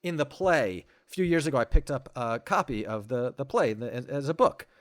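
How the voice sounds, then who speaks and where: A man's voice: mid-range voice, expressive, brisk, dry recording, studio quality. A man in his forties, a podcast guest, talking with enthusiasm and many stammering restarts in casual conversation.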